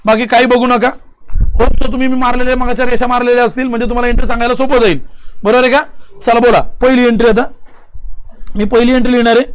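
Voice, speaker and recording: A man with a Marathi accent teaching an accounting lesson, repeating steps and pressing students to answer aloud quickly. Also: very high voice, clean tone. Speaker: commerce teacher.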